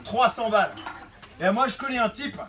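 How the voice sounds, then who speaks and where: Male stand-up, high voice, lively, far off in a crowded bar. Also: moderate pace. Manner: lively, switches into character voices and accents. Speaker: stand-up comedian. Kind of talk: stand-up comedy set. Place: small bar with a stage. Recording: distant mic in a noisy bar crowd. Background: laughing audience.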